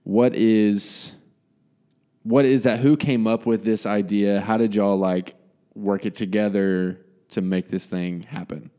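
A man hosting a podcast, upbeat and quick to affirm his guests. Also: on the low side, fairly even intonation, dark tone, smooth, no echo, clean studio sound. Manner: upbeat, affirming with many "yeah"s. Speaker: podcast host. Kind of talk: casual podcast interview.

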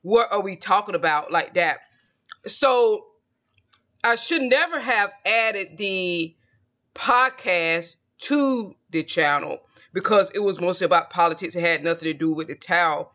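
In an unhurried, casual solo address to camera, a late-forties tarot video maker rambles with confidence and keeps revisiting the same points. His high voice sounds pushed and bright, with lively intonation.

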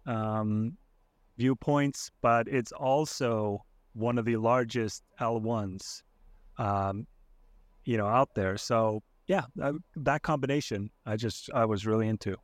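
Guy from iceland guesting on a podcast, mid pitch, stops and restarts a lot, dry close sound. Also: takes it slowly, no echo. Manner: hesitant, many fillers and restarts, thoughtful. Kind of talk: casual conversation.

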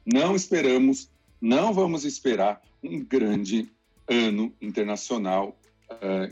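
A Brazilian man explaining the economy to listeners in a lively, conversational way, acting out what people say. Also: on the low side, slightly rough. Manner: lively explainer, acts out quotes. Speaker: economic commentator. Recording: dull lo-fi sound with faint music.

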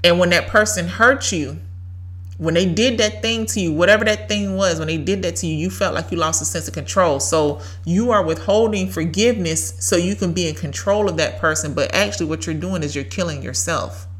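Woman in her thirties, podcast host, fairly low voice, preachy and emphatic with repeated lines. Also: a little fast, a bit bright. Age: 30s. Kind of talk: faith-based motivational talk.

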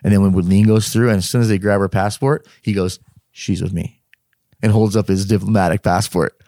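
A middle-aged man with a fairly low voice recounts a story in an easy, conversational way. He drops into quoted dialogue and breaks into laughter as he talks. The recording is close and dry, with no room sound. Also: fast, dry recording. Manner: animated, acts out dialogue, laughs mid-sentence. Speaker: guest telling a personal story. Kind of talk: casual spoken storytelling.

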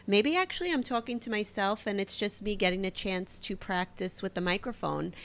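A woman in her thirties with a Brooklyn accent talks alone into the mic as a podcast host. Her voice sits at an ordinary middle pitch. She chats loosely and pokes fun at herself. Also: brisk, fairly bright tone. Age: 30s. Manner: chatty and self-deprecating. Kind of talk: casual solo podcast talk.

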